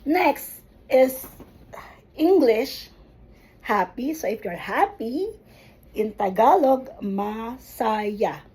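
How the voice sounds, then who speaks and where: A woman who teaches Tagalog, giving a language lesson and slowly repeating each word so learners can follow its pronunciation. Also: sits high, big pitch swings, darkish tone, slightly rough, poor audio. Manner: slow, deliberate, repeats words for pronunciation. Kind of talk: slow spoken language lesson.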